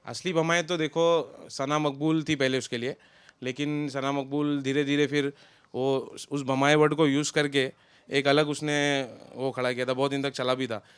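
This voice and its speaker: A man's voice: medium pitch, normal speed, smooth, no room sound. A young man, chatting loosely as an interview guest about a friend. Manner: relaxed, talks in loose run-on sentences. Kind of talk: casual interview chat.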